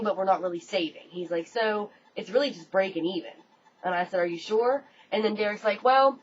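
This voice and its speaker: A young American woman telling a story to her webcam in an animated, casual way, swearing freely. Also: medium pitch. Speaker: vlogger. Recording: dull lo-fi webcam audio, faint room noise.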